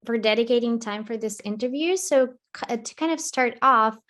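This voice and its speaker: Casting: young woman host, slightly high voice, friendly interviewer, casual fillers. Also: moderate pace, fairly bright tone. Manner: upbeat, uses fillers like "um" and "like". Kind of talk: casual interview, video call.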